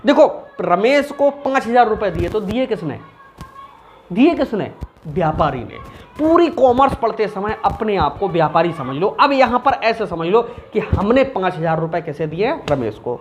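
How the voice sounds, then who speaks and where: Slight background noise accompanies a high-pitched man speaking at normal speed as he teaches commerce informally on a recording. He's animated, raising questions and resolving them himself.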